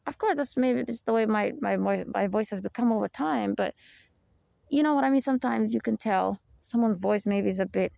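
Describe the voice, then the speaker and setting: On her personal podcast, a young woman with a low, deep, gravelly yet mellow voice talks briskly, confiding and wandering as she tosses in "you know" and little laughs. The sound is close and dry, without any echo or room.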